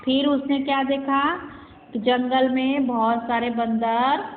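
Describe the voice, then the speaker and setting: A woman teacher explaining an English poem to children in Hindi, asking and answering her own questions, with the English lines read slowly. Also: high-pitched, little pitch movement, slight background noise. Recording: echoey room over a tinny phone-like line.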